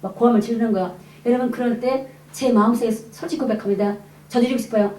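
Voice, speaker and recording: A woman evangelist giving a lively testimony sermon to a congregation, acting out the dialogue in her story. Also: on the high side, fast. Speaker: evangelist preacher. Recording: echoey hall, mic at a distance.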